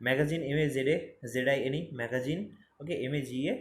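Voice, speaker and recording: Speaking quickly in a mid-range voice, this man teaches spelling for exams, sounding out each word letter by letter and saying it again to stress it. The audio carries a roomy echo and faint ambient sound.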